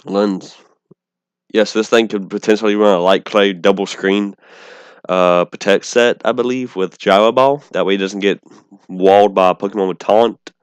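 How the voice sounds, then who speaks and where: Deep clear voiced guy rambling about game strategy, cant say his r's so they come out like w, keeps restarting sentences. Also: fairly even intonation, no room sound. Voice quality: speech impediment on R sounds, saying w for r. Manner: rambling, halting, with false starts and self-corrections. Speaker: online gamer presenting an opposing team. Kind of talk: casual unscripted game strategy commentary.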